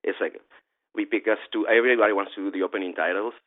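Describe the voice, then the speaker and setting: A man from Venezuela with a Venezuelan Spanish accent, talking in a rambling, animated way in a casual interview, often restarting and laughing. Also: fairly low pitch, fast. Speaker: event organizer. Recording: tinny phone-like line.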